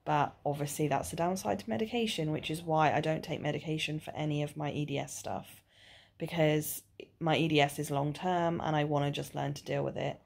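A woman's voice: low-pitched, fairly even intonation, fairly quick, vocal fry, a little mellow. A woman in her twenties talking casually to her video diary, tired and nauseous, speaking wearily with a sore jaw after dental surgery. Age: 20s. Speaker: vlogger. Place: small living room or bedroom at home.

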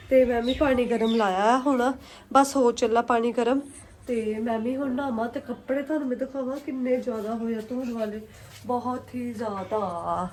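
A woman's voice: fairly high pitch, darkish tone, a little hiss or hum. A young woman chatting informally at home to viewers and children, in a casual vlog style. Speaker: family vlogger, mother of small children. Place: indoors at home.

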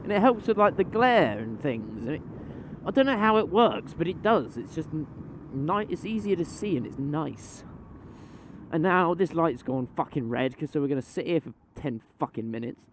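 A man's voice: fairly high pitch, sing-song, moderate pace. A young man chatting casually while riding a motorbike at night, rambling with fillers and casual swearing. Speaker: motovlogger. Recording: road and engine noise behind.

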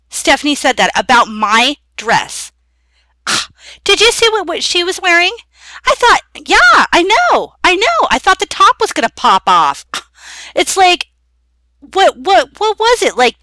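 A woman's voice: high-pitched, sing-song, measured pace, pushed and bright, no room sound, full character voice. A woman voicing a catty young cartoon valley girl, gushing indignant gossip with a Californian valley girl accent. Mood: catty, scandalized. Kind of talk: cartoon character monologue.

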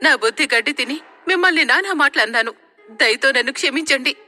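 A woman voicing a proud young woman, a priest's daughter, who talks in a scornful, sharp-tongued way. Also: sits high, expressive, fairly quick, faint music behind, voice pushed up, full character voice. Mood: pleading.

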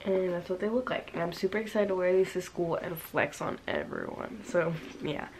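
A woman's voice: lowish voice, lively intonation, normal speed, darkish tone, slight background noise. A teenage girl in her bedroom, chatting in a casual haul vlog, bubbly and rambling with lots of fillers. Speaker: vlogger.

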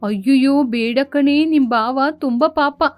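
A gentle, affectionate young bride and older sister in an animated storybook, as a woman narrator puts her on. She speaks in a high voice, lovingly scolding, over faint soft music. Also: unhurried. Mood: chiding.

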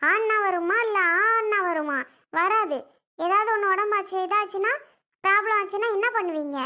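Woman playing a sharp-tongued young mother. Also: sits high, fairly quick. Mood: defensive. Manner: sharp, defensive, argumentative. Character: short-tempered young mother defending herself. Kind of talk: family skit acting.

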